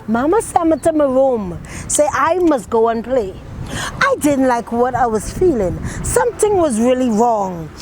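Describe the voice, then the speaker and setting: A Bahamian woman poet with a fairly high voice, reciting dialect verse and speaking about her craft. She tells things in a rhythmic, storytelling way full of vivid island phrasing. Faint noise sits under her voice. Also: very animated, measured pace, a little mellow, poor audio.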